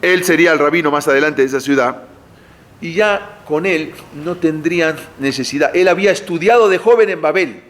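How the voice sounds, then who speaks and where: Male lecturer, slightly raised pitch, chatty question-and-answer teaching style. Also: brisk, fairly bright tone. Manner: conversational, asks the audience rhetorical questions, frequent "eh" and restarts. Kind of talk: explanatory lecture.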